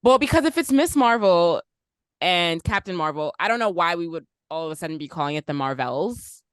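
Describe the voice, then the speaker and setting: A young woman co-hosting a casual podcast with friends. Her voice sits a little low yet moves all over as she talks, full of "like" and quick laughs. The sound is dry and close to the mic. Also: lively intonation, clean tone, dry recording. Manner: chatty, laughs often, lots of "like". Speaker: podcast co-host. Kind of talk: casual chat.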